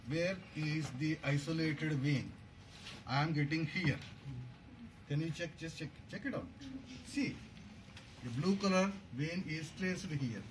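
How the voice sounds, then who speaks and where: Casting: middle-aged Indian-accented man, slightly high voice, instructing a group through a practical demonstration; very noisy distant pickup. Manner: instructional, step-by-step, mixes English and Hindi. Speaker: medical instructor. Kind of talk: hands-on clinical demonstration to a group. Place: crowded indoor hall. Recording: noisy room, picked up from afar.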